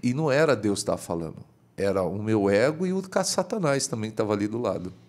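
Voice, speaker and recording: A fast-talking bishop, a man, tells a story as a podcast guest in the studio; whenever he gets worked up, his voice rises high.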